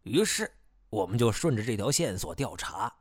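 A man voicing a boastful, flattering male detective. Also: fairly low pitch, moderate pace, breathy edge, dry recording, studio quality. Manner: flattering and self-promoting.

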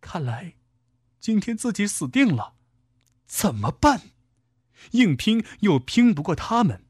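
A frightened young woman taxi driver, played by a male storyteller, pleading in a high, hurried voice that leaps up and down in pitch. The sound is close and dry. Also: sing-song, darkish tone, no room sound.

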